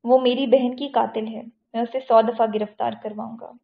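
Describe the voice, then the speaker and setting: A defiant, vengeful young man with a raised voice and a somewhat high pitch, read by a woman narrator in an audiobook. There is a rough gravel in the voice and the audio is tinny. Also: steady tone, natural voice. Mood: furious. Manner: shouting, defiant.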